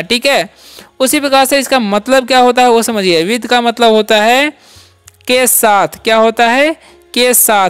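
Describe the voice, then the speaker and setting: Guy teaching english words, smooth clear voice, keeps asking then answering his own questions. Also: very high-pitched, a bit bright. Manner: repeats questions to students and answers them. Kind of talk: classroom-style language lesson.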